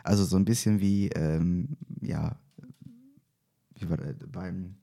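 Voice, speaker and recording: Husky, low-key male podcaster in echoey room. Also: slow pace, dark tone. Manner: hesitant, rambling and informal. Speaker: fan podcast host. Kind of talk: casual podcast chat. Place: echoey space outside the studio.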